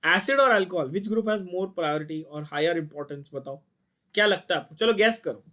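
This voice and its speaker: High-voiced Indian chemistry teacher quizzing students. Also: male voice, expressive, takes it slowly, fairly bright tone. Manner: mixes Hindi and English, quizzes students constantly, blunt and scolding. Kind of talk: online class lecture.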